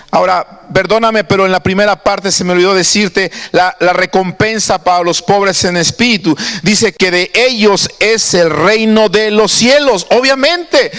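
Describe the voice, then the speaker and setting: A man's voice: high voice, a bit bright, long reverb tail. A man preaching a sermon to his congregation. He talks in a conversational way and often asks his listeners questions. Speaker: pastor. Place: church.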